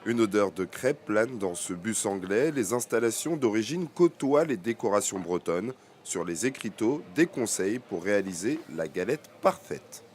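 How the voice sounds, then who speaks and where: A man presenting and narrating local television news reports in a measured, scripted way. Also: lowish voice, animated, a little mellow, a little hiss or hum.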